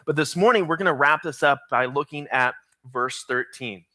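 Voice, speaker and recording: A young man preaching energetically to middle school students, slowing down to stress key phrases. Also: a little high, bright, forceful tone, no echo. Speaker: youth pastor.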